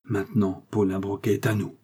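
A man's voice: lowish voice, flat delivery, brisk, dark tone, slightly rough. A man reading the part of a sly male conspirator in disguise in an audiobook. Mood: smug. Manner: smug, scheming.

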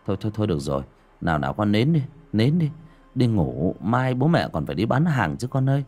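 Man as a weary dad hushing a child, low and husky. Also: sing-song, fast talker. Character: tired young father, puzzled and frowning.

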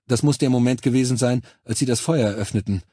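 A man reading a calm, clinical army medic. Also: medium pitch, fast talker, slightly rough, no room sound, clean studio sound, pitched above the performer's own voice, close to an everyday voice. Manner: clinical, matter-of-fact explaining. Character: composed male army medic examining alien bodies.

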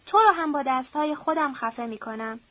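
A woman's voice: high-pitched, animated, no echo, lo-fi sound. Brief: a woman putting on an enraged tyrannical patriarch, coarse and threatening; storybook reading. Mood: raging. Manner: shouting threats, harsh and coarse. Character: furious domineering patriarch, older man.

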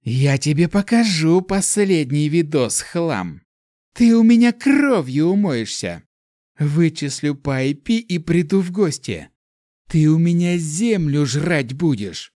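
A man voicing a hot-tempered dragon elemental in the form of a young girl, shouting and swearing. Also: sits high, sing-song, a little slow, dry recording, studio quality, pitched above the performer's own voice. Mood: furious.

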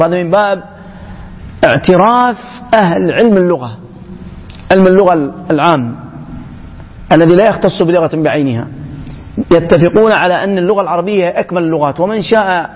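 A man giving an emphatic public lecture to young people, often pausing and restarting mid-phrase. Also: high-pitched, breathy edge. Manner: emphatic, halting, with frequent restarts. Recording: echoey hall, dull lo-fi sound.

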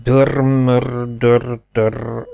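A man voicing a hearty old English ship captain who calls out loudly and stammers over hard names. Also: mid-range voice, expressive, soft background music, close to an everyday voice.

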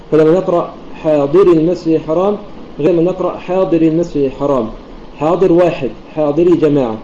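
A man with a dark, warm, fairly high voice teaches Quran recitation online, explaining each rule quickly and then reciting the examples. The sound is dull and lo-fi, like an online voice chat room, with a faint hiss underneath. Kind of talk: online lesson on recitation rules.

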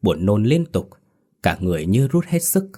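A man voicing a tired, gentle village wife who speaks hesitantly and softly. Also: fairly low pitch, very animated, moderate pace, breathy edge. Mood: weary. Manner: hesitant, soft-spoken. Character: middle-aged village woman, tired, gentle.

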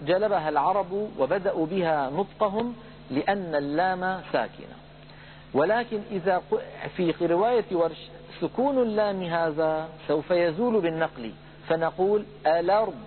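Man teaching recitation over a tinny line. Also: on the high side. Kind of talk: religious lesson lecture. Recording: tinny phone-like lo-fi recording with faint hum.

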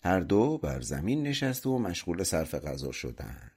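A male audiobook narrator telling a folk tale. His voice sits fairly low, and his delivery is expressive and lively, with a lot of movement in pitch. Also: breathy edge. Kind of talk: storytelling narration.

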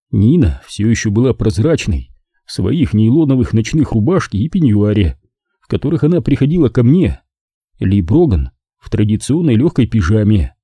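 Husky dark-voiced male narrator. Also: fairly low pitch, no echo, clean studio sound. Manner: measured, dramatic storytelling. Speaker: audiobook narrator. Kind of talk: first-person detective novel reading.

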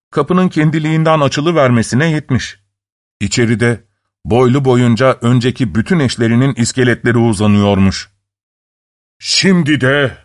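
A man narrating a fairy tale in an expressive, dramatic storytelling manner. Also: medium pitch.

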